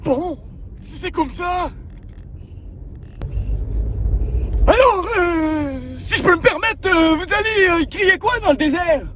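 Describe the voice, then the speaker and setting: A man's voice: very high voice, expressive, a little slow, pushed and bright, a little hiss or hum, heavily acted. A man voicing a fussy, stammering old grandpa who drives a taxi. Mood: flustered. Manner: flustered, stammering, easily taken aback.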